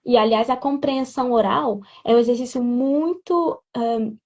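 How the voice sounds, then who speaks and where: A woman's voice: fairly high pitch, normal speed, darkish tone. Earnest woman teacher, dull lo-fi sound. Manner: earnest, emphatic with repetition. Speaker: English teacher and mentor. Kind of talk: casual live interview. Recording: dull lo-fi audio.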